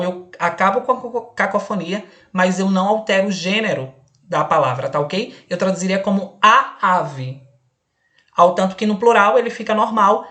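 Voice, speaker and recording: A woman teaches an online Spanish exam-prep lesson in a low, fairly bright voice. She is slow and patient as she explains, often asking "perfeito?" to make sure students are following.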